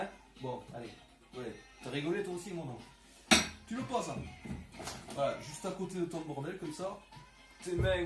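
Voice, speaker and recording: A man with a southern French accent running a casual cooking tutorial, cracking crude jokes and tagging his sentences with "hein" as he talks straight to the viewer. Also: a little high. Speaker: home cook presenting a recipe. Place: home kitchen. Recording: echoey kitchen with music behind.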